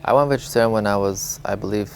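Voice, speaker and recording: A man in his thirties from Lebanon, telling his story candidly and reflectively in a relaxed interview. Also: lowish voice, fast, creaky, slight background noise. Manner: candid, reflective, with small laughs and fillers. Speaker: interviewee, vegan advocate.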